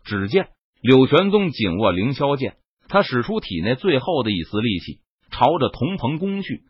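A man's voice: medium pitch, very animated, moderate pace, husky, no room sound. A man narrating a fantasy novel aloud, with a dramatic, emphatic delivery of action scenes. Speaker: audiobook narrator. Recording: dull dry lo-fi recording.

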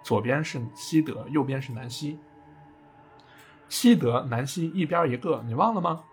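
A man's voice: fairly high pitch, normal speed, faint music behind, lightly acted. A man putting on a sassy brash young woman. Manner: sassy, boastful teasing.

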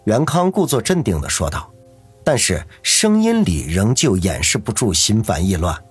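A man narrating an audiobook novel in a steady storytelling manner. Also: fairly low pitch, normal speed, slightly rough, no room sound, faint music behind. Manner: steady storytelling, doing every character.

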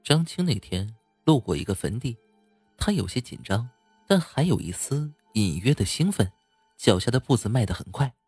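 A man narrating a scripted horror story in a slow, suspenseful manner. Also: medium pitch, sing-song, darkish tone, slightly rough, no echo, soft background music.

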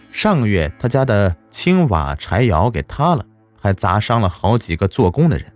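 A man narrating a folk tale as an audiobook storyteller, expressive and animated. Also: on the low side.

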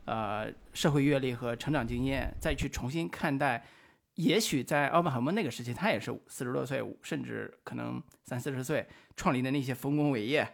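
A man in his forties with a heavily gravelly, creaky voice talks over a film in casual podcast chat. He muses out loud and pauses often to find his words. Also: mid-range voice. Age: 40s. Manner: reflective, hesitant with many fillers. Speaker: podcast co-host.

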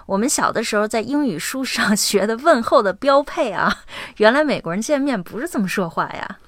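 A woman's voice: a little high, animated, a little fast, no room sound, studio quality. A woman from China co-hosting a language-learning podcast, chatting mostly in Chinese and mixing in English phrases. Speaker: podcast co-host. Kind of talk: bilingual language-lesson podcast chat.

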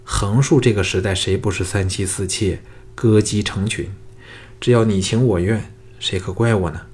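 A male audiobook reader voicing an earnest, steady young hero in close to his own lowish voice. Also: moderate pace, close to an everyday voice.

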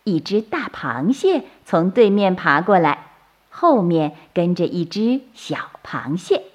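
Slow, soothing woman storyteller. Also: lowish voice, very animated. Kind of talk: bedtime story reading for children.

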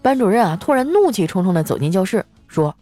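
A young woman hosting, telling self-mocking comic stories in a chatty, animated way. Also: mid-range voice, fast talker. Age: young adult. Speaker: host. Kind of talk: comic storytelling monologue with ad reads.

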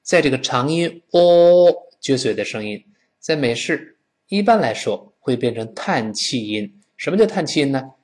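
Teaching English pronunciation to learners, a man with a lilt speaks with big pitch swings around a middle male range. He says words slowly as models and asks his listeners to repeat after him.

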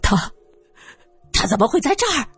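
A woman's voice: mid-range voice, lively intonation, moderate pace, breathy edge, faint music behind. A woman voicing a frightened young male film star who stammers in panic. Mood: terrified.

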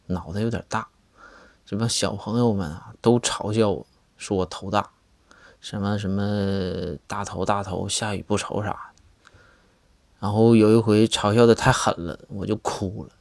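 A man's voice: on the low side, steady tone, moderate pace, darkish tone, no echo. A man casually telling a joke as a story.

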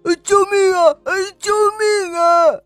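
A woman voicing a big bragging bear that panics quickly, grunting before its lines. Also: sits high, animated, no echo, soft background music. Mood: panicked.

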